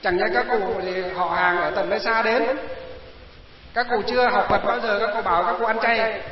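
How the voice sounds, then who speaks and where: A man delivers a Buddhist sermon. His voice sits high, and he keeps pausing to ask the crowd questions. The sound is dull and lo-fi, with a long reverb like a big hall. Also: fairly even intonation, a little hiss or hum. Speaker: Buddhist preacher. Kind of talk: sermon to villagers.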